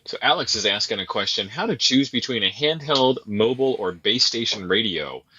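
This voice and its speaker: A man's voice: on the low side, animated, brisk, pushed and bright, breathy edge, dull audio. A man on a live stream answering viewer questions about ham radio gear in an explanatory way.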